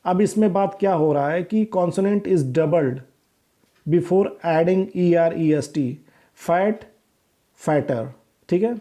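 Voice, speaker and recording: A man teaching an English grammar lesson, explaining in Hindi and slowly reading out English rules, often checking in with "theek hai" and correcting himself. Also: high-pitched, warm tone. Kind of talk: recorded classroom lesson.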